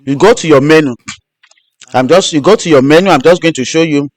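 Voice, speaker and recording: A man's voice: a little high, fairly quick, no room sound. A man hosting a live stream, teaching step by step and repeating his instructions. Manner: repetitive, restarts phrases. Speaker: host.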